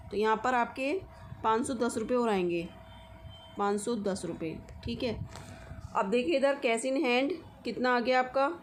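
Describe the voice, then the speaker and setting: High-voiced woman teaching accounts. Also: a little hiss or hum. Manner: explains step by step with frequent check-ins. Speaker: commerce teacher. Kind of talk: accounting lesson walkthrough.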